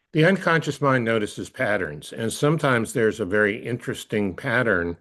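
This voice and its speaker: Responding as a coach during a conversational interview, a man reflects aloud in a halting, thoughtful manner, circling back over the same phrases. His voice sits on the low side with a fairly bright tone.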